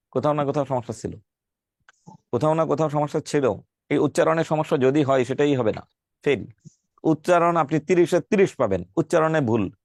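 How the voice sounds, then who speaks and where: A man teaching a classroom lecture, emphatic and repeating key points, spelling words out slowly. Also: a little high, no room sound, studio quality. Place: classroom with students.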